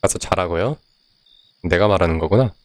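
Male game streamer, lowish voice, loose chatty commentary, reads on-screen text aloud, quick to curse and yell. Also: no room sound. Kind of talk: casual let's-play commentary.

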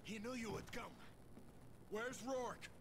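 A man's voice: very high voice, fairly even intonation, slow pace, vocal fry, full character voice. An actor playing an urgent, demanding special forces soldier in a video game, barking his words. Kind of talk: video game military acting. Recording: loud game action noise.

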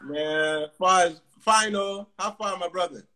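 Guy hosting a phone livestream, kinda high voice, laughing a lot, greeting callers. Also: pushed and bright, slight background noise. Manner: upbeat, quick greetings with lots of laughing. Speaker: livestream host. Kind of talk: casual video call chat. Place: indoor room. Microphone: phone at close range.

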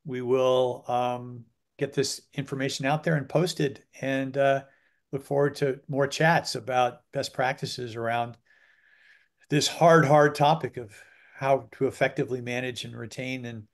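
Guy hosting a webinar over a video call, easygoing and chatty, lots of ums, average pitch. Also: fairly even intonation, measured pace. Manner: loose and chatty with frequent "um" and "uh" fillers. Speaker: webinar host. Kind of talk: casual webinar moderating.

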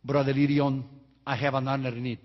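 A preacher imitating an old pleading foreign pastor. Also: male voice, mid-range voice, flat delivery, big-room sound, lo-fi sound, voice pushed down, lightly acted. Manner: halting, broken, pleading. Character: old male pastor from abroad, pleading and urgent.

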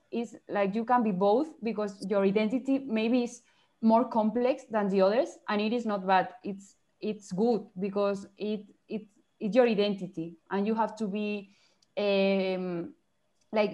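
A woman's voice: medium pitch, darkish tone. A woman from China who grew up in Spain, speaking as a panelist on a video call, searching for words in English. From born in China, grew up in Spain.

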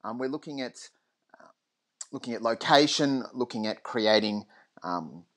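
A man talking through a screen-recorded teaching tutorial in a relaxed, rambling way. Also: mid-range voice, measured pace. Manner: relaxed, lots of ums and restarts.

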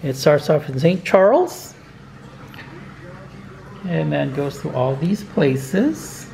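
An older RV travel vlogger, filmed by a fixed camera across his dining room table, chats about planning an RV road trip, slow and opinionated with the odd chuckle. His voice is on the high side, very animated, and creaky. The audio is poor and reverberant, with loud music behind him.

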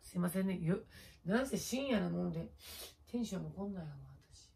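A woman's voice: on the low side, expressive, brisk, vocal fry, warm tone. A middle-aged woman with a Kansai accent chatting casually late at night. She rambles through stories, mocks herself and talks while doing a face pack. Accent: Kansai Japanese. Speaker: YouTuber.

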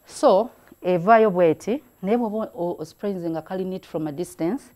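A middle-aged woman with a lowish, darkish voice at normal speed hosts a hands-on craft show indoors at a craft table. Chatty and encouraging, she switches between languages as she works.

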